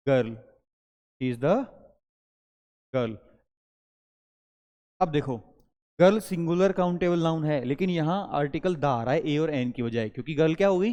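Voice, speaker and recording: A man's voice: high-pitched, mellow, big-room sound. A male teacher giving a grammar lesson that mixes Hindi and English, explaining step by step and quizzing his students as he goes.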